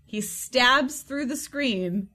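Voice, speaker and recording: A woman's voice: high-pitched, expressive, drawn-out words, pushed and bright. A woman hosting a casual group podcast, retelling a play in a playful way and dropping into quoted voices.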